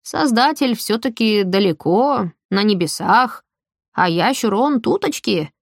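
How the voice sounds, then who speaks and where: A woman's voice: medium pitch, animated, measured pace, vocal fry, dry recording. A nervous, fidgety old nobleman, as a woman narrator voices him, dragging his words out in a folksy, flustered way. The reading is close and dry, with an audiobook's feel.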